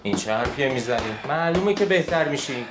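An actor playing an ordinary, patient friend who calmly reasons and pushes back. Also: male voice, mid-range voice, noisy background, natural voice. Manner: calm, reasoning, mildly defensive. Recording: roomy echo.

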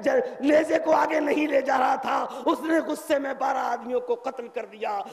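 A man's voice: extremely high pitch, fairly even intonation, shouting, crowd noise, voice pushed up. A man voicing an earnest, deferential traveller who offers help. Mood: urgent. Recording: echoey hall, long reverb.

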